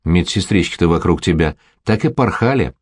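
A man's voice: sits low, lively intonation, normal speed, no echo, studio quality. A man voicing a teasing young woman.

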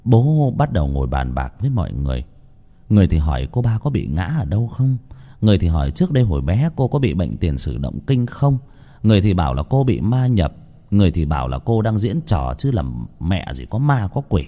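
Man, storyteller, first-person ghost story, dramatic, dark mellow voice, animated pitch. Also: brisk. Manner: lively dramatic telling.

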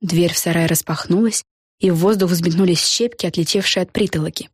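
A woman reading a children's storybook aloud in an expressive, measured manner. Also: fairly low pitch, breathy edge. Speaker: audiobook narrator. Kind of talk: storybook narration.

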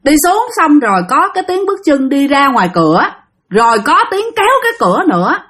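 Woman, ghost story narration, chatty, talks to listeners, high voice. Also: big pitch swings, brisk, a bit bright. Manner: chatty, addresses listeners directly.

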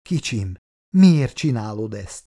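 A worried husband read by a man who asks his wife gentle, quiet questions. The voice is dark and gravelly. It is an understated audiobook character. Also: fairly low pitch, big pitch swings, heavily acted. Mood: pleading.

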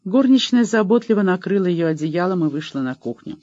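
Male narrator, audiobook reading, high voice, dry dull recording. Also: lively intonation, a little fast, a little mellow, no room sound. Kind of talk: scripted narration.

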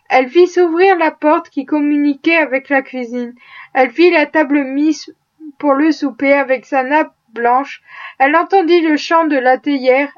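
A woman narrating a classic novel as an audiobook, with an expressive storytelling manner. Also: high voice. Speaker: audiobook reader. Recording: muffled lo-fi audio.

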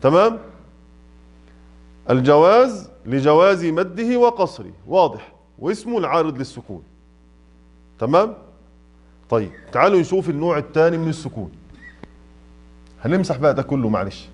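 A man's voice: on the high side, sing-song. Egyptian man teaching tajweed in a mosque. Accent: Egyptian Arabic. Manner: drawn-out chanted examples, quizzing students. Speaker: Quran recitation teacher. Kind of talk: classroom lesson on tajweed. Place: mosque classroom.

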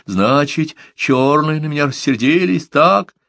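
A man's voice: on the high side, animated, a little slow, gravelly, a bit bright, dry recording, pitched above the performer's own voice, exaggerated voice. A man voicing a fretful, rambling old man with a quavering, plaintive voice in an audiobook. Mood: agitated.

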